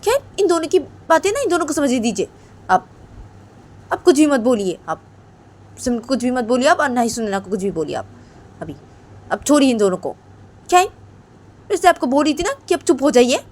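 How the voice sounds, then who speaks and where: A woman's voice: sits high, big pitch swings, fairly quick, long pauses, voice pushed up. A woman voicing a young woman who keeps pleading with her father and her partner. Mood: insistent. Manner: pleading, repetitive, soft then insistent.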